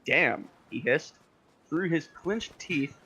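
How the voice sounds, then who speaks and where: A man's voice: on the high side, lively intonation, moderate pace, a bit bright. A man hosting a game stream, chatting casually and reading viewer fan fiction in a theatrical way, laughing often. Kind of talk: casual chat and mock-dramatic reading.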